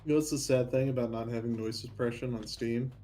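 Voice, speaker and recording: A man's voice: mid-range voice, fairly even intonation, fast talker, mellow, faint music behind. A man chatting casually over a voice call while playing a game, giving joking, offhand commentary on his play. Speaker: friend on voice chat, playing a game.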